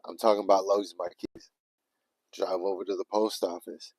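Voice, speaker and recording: Animated man with a dark, dry voice. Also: sits low, normal speed, no room sound, poor audio. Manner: animated, profane, retelling with quoted self-talk. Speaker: livestream vlogger. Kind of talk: casual storytelling livestream.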